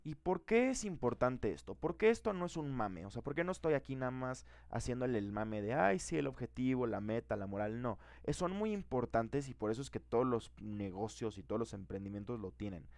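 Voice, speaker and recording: A man's voice: mid-range voice, animated, fairly quick, creaky, hardly any pauses, a little mellow, dry recording. A man teaching a live programming class, thinking aloud and asking the students questions.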